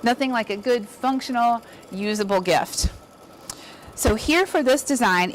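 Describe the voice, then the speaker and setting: A woman's voice: mid-range voice, a little hiss or hum. A woman giving an upbeat, chatty embroidery demonstration, encouraging viewers as she works. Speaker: embroidery instructor. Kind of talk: casual demonstration.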